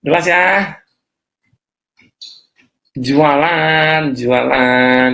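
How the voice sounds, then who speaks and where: A man's voice: on the high side, very slow. Emphatic man coaching sales online. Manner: lively, emphatic, rhetorical questions to audience.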